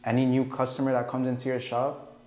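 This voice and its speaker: A young man from Canada, a barber talking in a relaxed, casual way as a guest on a studio interview, on a lapel mic. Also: mid-range voice, fast talker. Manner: laid-back, relaxed, leans on "like" and "bro". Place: studio set, indoors. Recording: echoey room.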